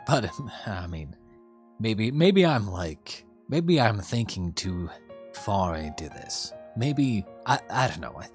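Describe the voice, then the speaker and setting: A man with a lowish voice streams his casual reaction to an anime. He works through his thoughts out loud, halting and circling back over phrases, with some offhand swearing. Soft music plays behind him. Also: sing-song. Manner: hesitant, thinks aloud, repeats phrases.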